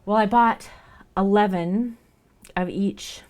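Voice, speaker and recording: A woman's voice: mid-range voice, slow, darkish tone. A woman live streaming as she works on a craft project, chatting casually and thinking aloud as she goes.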